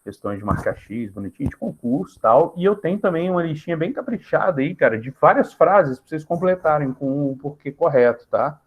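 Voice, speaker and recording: A man's voice: a little high, expressive, brisk, hardly any pauses, breathy edge, narrow, tinny audio. A man with a Brazilian Portuguese accent teaching a live grammar class in a casual way, often checking in with students.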